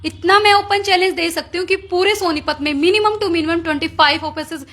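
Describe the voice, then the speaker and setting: A young woman with a Haryanvi accent, a visa consultant pitching her services confidently in an interview. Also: unhurried, bright, forceful tone. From Haryana, India. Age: young adult. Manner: assertive, confident sales pitch.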